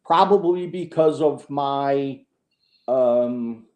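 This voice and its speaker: A man's voice: medium pitch, drawn-out words, darkish tone. A middle-aged man speaking as a podcast guest, frank and a little sarcastic, often restarting his sentences. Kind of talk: candid conversational interview. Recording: echoey room.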